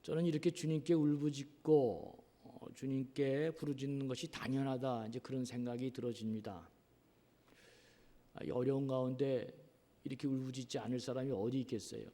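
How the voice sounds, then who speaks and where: A man preaching a sermon as pastor, earnest, asking rhetorical questions and pausing on drawn-out fillers. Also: mid-range voice, fairly even intonation, mellow. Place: church sanctuary. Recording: long reverb of a church hall.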